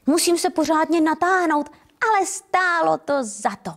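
A Czech woman reading a first-person children's story aloud with a gentle, playful manner. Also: very high-pitched. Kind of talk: first-person fairy tale narration.

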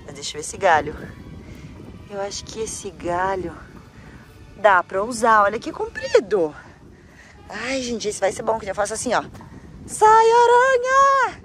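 A woman's voice: mid-range voice, normal speed, long pauses. A woman with a Brazilian Portuguese accent, filming a scripted adventure vlog outdoors on a handheld phone and exclaiming to her viewers. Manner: excitable, exclaims a lot, talks straight to viewers. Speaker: family vlogger.

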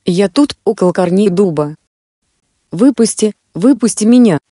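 A woman's voice: medium pitch, expressive, moderate pace, dark tone, dry recording, studio quality, close to an everyday voice. Woman reading as a menacing bottle spirit. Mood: pleading. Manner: threatening, later pleading.

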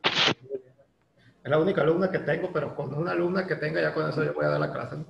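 In this casual classroom lesson, a man's brisk, gravelly voice sits on the high side, and the sound is lo-fi. He has a Mexican Spanish accent and teaches English chattily, leaning on fillers and tag questions, with the echoey room carrying faint ambient noise.

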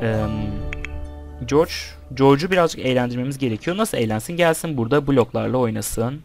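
A man's voice: mid-range voice, animated, fast talker, gravelly, a little mellow, soft background music. A young man giving casual let's-play commentary, chatting with the game's characters and with his viewers as he plays. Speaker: gameplay commentator.

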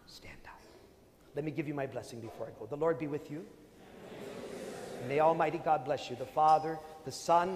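A Canadian priest giving a sermon as a comic storyteller, swinging between loud bursts and hushed passages. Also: male voice, on the high side. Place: large convention hall. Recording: long hall reverb, faint noise.

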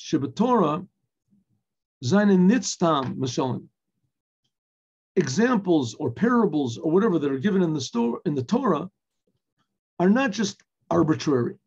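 A man's voice: high-pitched, darkish tone, slightly rough. An older man, a rabbi, teaching a text in a Torah class, asking and answering his own questions and slipping in Yiddish and Hebrew phrases, recorded on a webcam in a room with bookshelves. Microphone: webcam video recording. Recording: dull lo-fi webcam audio.

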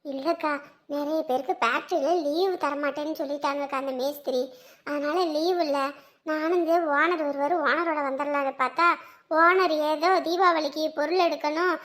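A woman acting a young village woman who softly and apologetically explains herself. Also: high-pitched, fairly even intonation, moderate pace. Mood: apologetic. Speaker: guest from the home village.

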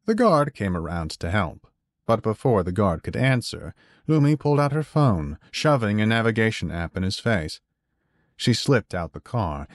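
A man narrating a fan fiction story in an even, measured reading. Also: on the low side, no echo, clean studio sound.

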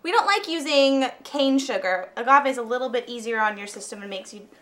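A woman's voice: fairly high pitch, animated, brisk, fairly bright tone. A young woman co-hosting a casual cooking show, upbeat and giggly as she chats and reads out movie trivia.

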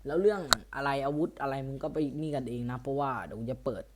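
A man's voice: mid-range voice, lively intonation, fast, a little mellow. A man running a roleplay server, interviewing players over voice chat in a blunt, crude, teasing way. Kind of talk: casual voice chat.

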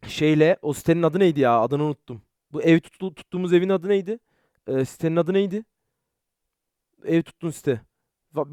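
High-voiced young man, rowdy streamer chat. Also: no echo, clean studio sound. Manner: swears a lot, excitable storytelling; greets chat viewers between stories. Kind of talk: casual live-stream chat.

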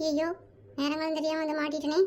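A cheeky little cartoon boy who whines and grumbles in a very high, squeaky voice and rattles off his complaints at a quick clip. he sulks and pities himself in every line. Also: a bit bright. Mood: protesting. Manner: complaining, self-pitying grumbles. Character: whiny little boy in kindergarten, cheeky and sulky. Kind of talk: cartoon family comedy.

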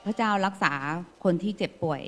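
Female sermon interpreter, fluent, mid-pitched voice, reverberant church hall. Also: fairly quick, a little mellow, soft background music.

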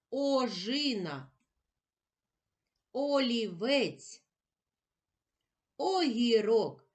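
A woman teacher giving a slow lesson to young children, sounding out letters and syllables clearly. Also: medium pitch.

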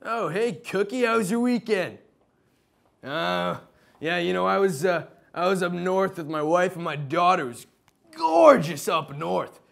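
Young man doing creaky, chummy teacher impression. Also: high-pitched, expressive, exaggerated voice. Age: young adult. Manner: chatty, gushing, drawn-out words. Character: chummy, rambling male English teacher, easygoing family man. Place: school classroom.

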